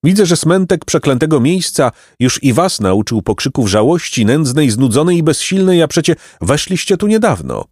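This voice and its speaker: A man's voice: a little high, very animated, moderate pace, few pauses, darkish tone, dry recording, pitched above the performer's own voice. A yearning, tormented old courtier made of gold, sighing and exclaiming in a raised, swooping voice, as a male reader puts him on. It is a storybook character who lives on a lament. The sound is dry and close. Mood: grave. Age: older. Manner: sighing, exclaiming, heated whisper. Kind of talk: audiobook character reading.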